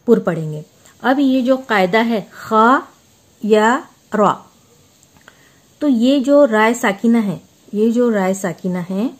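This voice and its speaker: A woman teaching Quran reading in a step-by-step lesson, patiently repeating letters slowly so they can be memorized. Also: medium pitch, a little mellow.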